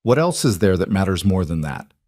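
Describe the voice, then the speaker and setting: A man's voice: low-pitched, big pitch swings, brisk, a little mellow, dry recording, clean studio sound. A man voicing a tired but kind working single father, reassuring in tone, in a narrated story.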